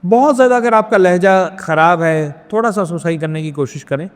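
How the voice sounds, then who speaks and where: A male religious teacher leads a training class in a high, carrying voice. He lays out rules point by point, drops in English words, and keeps asking if it is clear. The sound rings with the long reverb of a large hall. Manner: explains step by step, mixing English words, asks if points are clear. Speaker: Islamic scholar teaching a Hajj class.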